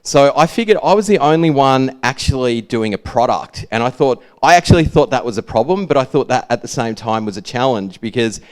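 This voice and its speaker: Laid-back Australian man with a clear voice. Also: mid-range voice, expressive, a little fast, few pauses. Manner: laid-back, lazy drawl. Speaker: speaker presenting own brand work. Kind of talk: informal conference talk.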